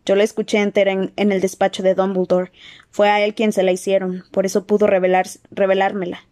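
Una mujer que lee un audiolibro y da voz a un muchacho mago sincero y agobiado, hablando con calma y seriedad. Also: female voice, medium pitch, close to an everyday voice. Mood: serious. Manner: quiet, earnest, measured. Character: teenage wizard boy, earnest and burdened. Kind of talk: audiobook character voice.

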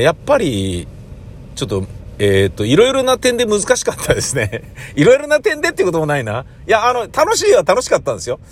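A man's voice: mid-range voice, a little hiss or hum. A middle-aged man hosting a casual solo talk, rambling with many fillers and acting out quoted remarks. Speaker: podcast host.

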